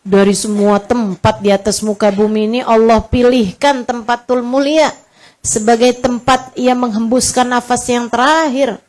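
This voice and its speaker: A woman's voice: on the high side, fairly even intonation, moderate pace. A woman preacher, telling stories in a sermon with emotion and casual jokes, calling her listeners friends. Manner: emotional storytelling, softens to a hush when quoting comfort; chatty and joking, addresses audience as friends. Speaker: Islamic preacher. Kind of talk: sermon storytelling.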